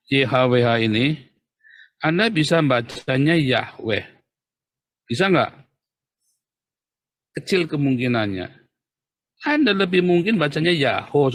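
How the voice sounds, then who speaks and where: A man's voice: medium pitch, fairly bright tone, no room sound. Emphatic preacher man, dry sound. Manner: emphatic, rhetorical questions to listeners. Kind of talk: teaching sermon.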